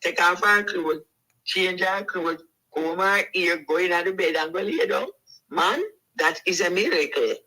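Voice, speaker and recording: A Jamaican man co-hosting a relaxed talk show. His voice sits a little high and rings very bright and edgy. He explains things patiently and methodically. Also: measured pace, poor audio. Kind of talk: casual talk-show discussion.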